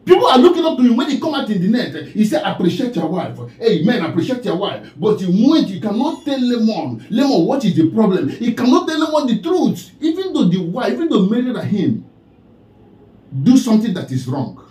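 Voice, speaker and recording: Very animated and brisk, a male online commentator with a Nigerian accent lectures and scolds in a preachy monologue, repeatedly saying the name of the person he's addressing. His voice is strikingly high, swooping up and down, with a mellow rather than bright tone. The recording sounds roomy and echoey.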